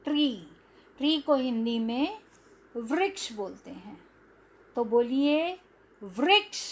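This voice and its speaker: A woman teacher giving a language lesson to young children, stretching out each syllable. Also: fairly high pitch.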